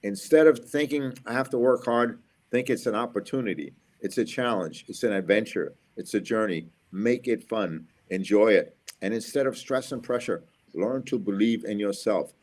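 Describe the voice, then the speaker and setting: With a darkish, lowish voice at a moderate pace, a middle-aged American engineer and school speaker from Florida offers motivational, upbeat answers in an interview. He tends to repeat his main phrases.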